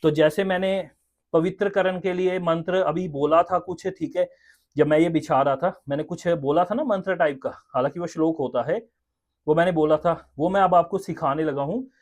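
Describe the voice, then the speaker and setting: A man's voice: fairly high pitch, moderate pace, darkish tone. A man teaching a home ritual step by step on camera, patient and explanatory, often checking in with the listener. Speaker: spiritual teacher. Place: indoors, seated on a floor mat at a ritual setup. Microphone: camera in front.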